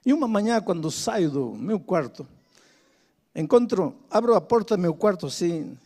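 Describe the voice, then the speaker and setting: An older male preacher delivers a sermon in a strikingly high voice that rises and falls a great deal. He hammers home repeated phrases and tells his story with drama. His voice carries the long reverb of a large hall. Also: sing-song, moderate pace, warm tone.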